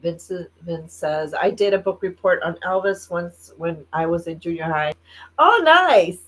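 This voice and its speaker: A woman's voice: on the low side, expressive, a little slow, rough recording. A woman from Indiana co-hosting a live stream, chatting casually, laughing often and reading viewer comments aloud. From Indiana, United States.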